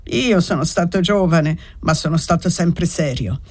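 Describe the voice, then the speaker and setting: A reader voicing an irritable old asthmatic man in an audiobook, speaking in broken, halting phrases. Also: medium pitch, slightly rough. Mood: irritated gasping.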